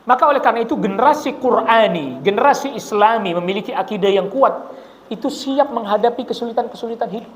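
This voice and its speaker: A male preacher giving a casual religious study talk in a mosque, lively and colloquial, acting out the people he describes. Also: extremely high pitch, fast talker, slight background noise. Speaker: Islamic preacher.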